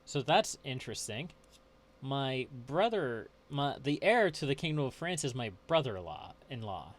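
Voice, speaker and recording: A man's voice: mid-range voice, sing-song, moderate pace. A man hosting a let's play, chatting casually and reading game text aloud as he plays, often chuckling. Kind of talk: casual gameplay commentary.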